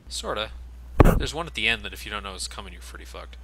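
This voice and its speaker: Creaky, pushed and bright, his fairly low voice comes out fast and animated as he narrates his gameplay with crude, sarcastic humor. The man is a Let's Play commentator, and the game's gunfire and ambience play behind him. There's a bit of hiss or hum, and the recording is poor overall.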